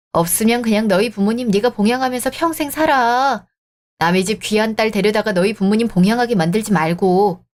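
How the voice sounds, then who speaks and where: A woman acting the heroine in a radio drama, cold and cutting as she speaks. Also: a little high.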